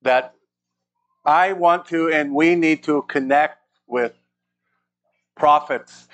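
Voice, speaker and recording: A man preaching a sermon in short, earnest phrases, pausing so an interpreter can translate. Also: a little high, a bit bright. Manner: earnest, repeats words.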